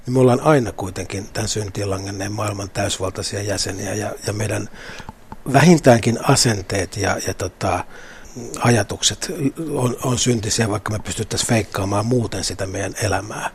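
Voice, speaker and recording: A man's voice: lowish voice, slight background noise. A middle-aged man, a guest, talking earnestly and thoughtfully about faith with some restarts. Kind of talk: reflective faith talk.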